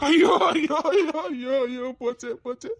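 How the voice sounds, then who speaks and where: A woman's voice: high voice, unhurried, dry recording. A woman playing a panicked young boyfriend who speaks with a Tirunelveli Tamil accent and keeps wailing and begging to be believed. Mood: frantic pleading. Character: panicked young male boyfriend, pleading and guilt-ridden.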